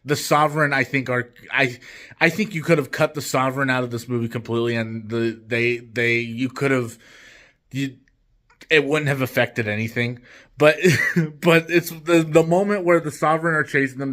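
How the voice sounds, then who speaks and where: Rambling man reviewing a movie, bright voice. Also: medium pitch. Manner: rambling, many restarts and fillers. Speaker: host. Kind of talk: casual movie review vlog.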